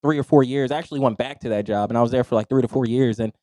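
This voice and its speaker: A man's voice: medium pitch, rapid-fire, warm tone, no echo. A young man chatting casually as a guest on a podcast, laid-back and often laughing. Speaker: guest, giveaway winner.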